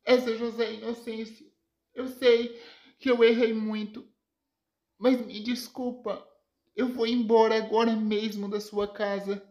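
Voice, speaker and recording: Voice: mid-range voice, level tone, a little slow, a little mellow, muffled recording, pitched above the performer's own voice, close to an everyday voice. A narrator voicing a young woman who apologizes and pleads after being caught in a lie. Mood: pleading. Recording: roomy echo.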